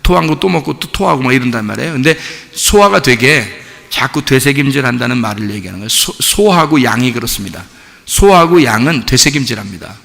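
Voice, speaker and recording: Male pastor, conversational sermon, quizzes the listeners, gravelly voice, long church reverb. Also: medium pitch, expressive, fairly quick, bright, forceful tone. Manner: conversational preaching, quizzing the congregation.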